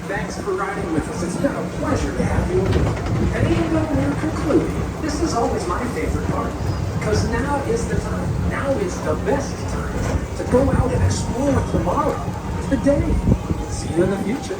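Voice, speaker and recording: An actor playing a friendly, theatrical futuristic transit host, heard as ride announcements over an outdoor loudspeaker. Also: male voice, very high-pitched, lively intonation, normal speed. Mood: cheerful. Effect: outdoor loudspeaker playback. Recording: echoey distant loudspeaker over loud ride noise.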